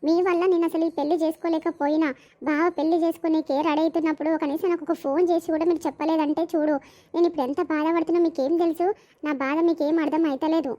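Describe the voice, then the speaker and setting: A woman's voice: high-pitched, level tone, fast, dark tone, lo-fi sound, close to an everyday voice. A woman voicing a jealous, scheming young woman, with a complaining, resentful tone. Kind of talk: animated village comedy voicing.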